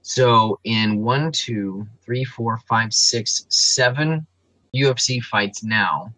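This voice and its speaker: A man's voice: mid-range voice, takes it slowly, bright, forceful tone, dry recording, poor audio. A man co-hosting a casual sports podcast, breaking down fighters and records in detail with frequent ums and restarts. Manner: analytical, reels off stats with frequent ums.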